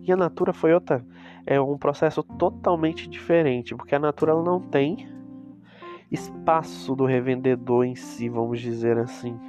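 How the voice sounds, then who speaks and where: With music playing behind him, a man with a Brazilian Portuguese accent chats casually to his viewers about reselling cosmetics, rambling and tossing in asides. His nose is stuffy from a cold, and his voice sits at medium pitch with a normal speed.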